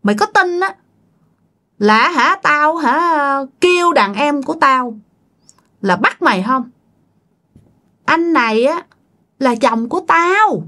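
A woman doing a jealous old ghost woman, shrill and high, sneering, menacing, storytelling voice. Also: expressive, takes it slowly, long pauses, pushed and bright, exaggerated voice. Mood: taunting. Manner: taunting, menacing.

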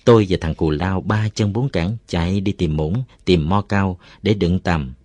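A man reading a novel aloud, calm and even, as narrator. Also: deep voice, measured pace, no echo.

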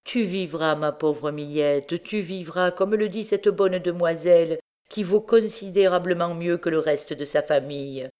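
A woman's voice: on the low side, fairly even intonation, unhurried, few pauses, natural voice. A woman voicing a distraught, grieving man, a rich porter who cries out frantically. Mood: tearful. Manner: frantic shouting exclamations.

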